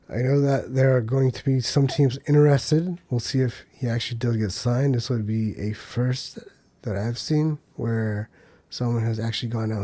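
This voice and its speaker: Here the same kind of podcast man speaks in a mellow mid-range voice, recorded with no echo. He chats loosely about the week's news on his own, dropping plenty of ums and uhs.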